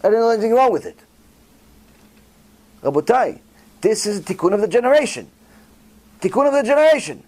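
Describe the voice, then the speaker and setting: A man giving a rabbi's Torah lecture, emphatic and full of rhetorical questions, swinging widely between loud and quiet. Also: big pitch swings, brisk, pauses often, poor audio. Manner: dramatic swings in pitch and volume.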